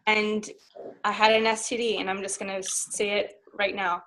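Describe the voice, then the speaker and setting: A woman's voice: medium pitch, moderate pace. A woman sex coach speaking frankly and openly in a conversational interview, often laughing as she tells personal stories. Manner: frank and animated, laughs while telling stories.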